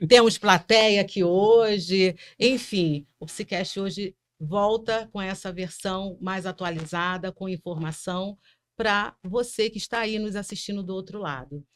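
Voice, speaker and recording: A woman's voice: medium pitch, normal speed. Brazilian woman hosting a podcast. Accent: Brazilian Portuguese. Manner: warm, encouraging, addresses viewers directly. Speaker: podcast host. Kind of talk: closing a psychology podcast episode.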